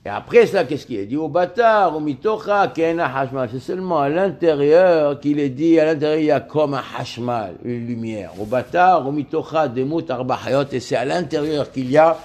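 A man teaching a religious text lesson, talking haltingly, repeating words as he explains each term. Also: a little high, a little mellow.

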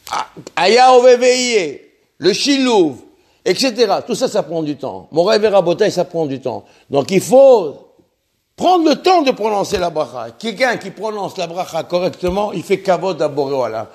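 A man giving a religious lesson on prayer, impassioned, repeating himself and slowly sounding out Hebrew syllables. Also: high-pitched. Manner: impassioned, repeats himself, stumbles and restarts words. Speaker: rabbi teaching on prayer.

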